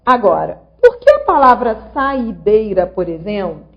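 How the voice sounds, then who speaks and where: Slightly dull lo-fi audio with a little background noise carries a woman's very animated, mid-range voice at a measured pace. She's a grammar teacher giving an online lesson, patiently explaining rules syllable by syllable and asking the viewer along.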